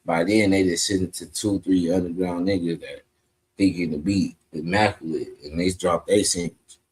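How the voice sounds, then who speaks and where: A man co-hosting a casual chat, explaining things in a relaxed, drawn-out way. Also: sits low, slightly rough. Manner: laid-back, explains at length.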